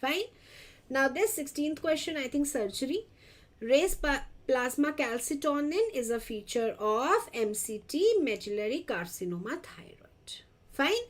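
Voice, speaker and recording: A woman with a North Indian accent lecturing exam students, switching between Hindi and English, addressing them directly and repeating key points. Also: high-pitched. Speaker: lecturer for dental entrance exam. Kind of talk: interactive exam-review lecture.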